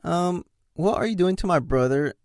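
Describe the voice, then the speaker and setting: A man's voice: high voice, expressive, moderate pace, a little mellow, clean tone, dry recording, studio quality, pitched above the performer's own voice. A man doing a whiny, cocky pony colt. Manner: pleading, stammering.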